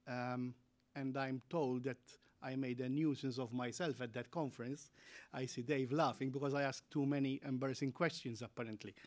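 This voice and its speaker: A middle-aged man giving a relaxed, self-deprecating speech as a visiting academic. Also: medium pitch. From Malta. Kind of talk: speech at a launch event.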